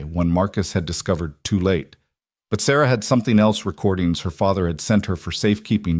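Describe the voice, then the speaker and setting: A man narrating a dramatic story in an even, measured storytelling manner. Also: on the low side, no room sound, clean studio sound.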